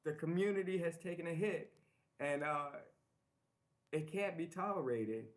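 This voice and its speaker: Man, interview guest, earnest, repeats phrases, slightly high voice. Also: a little slow, poor audio. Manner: earnest, repetitive and emphatic.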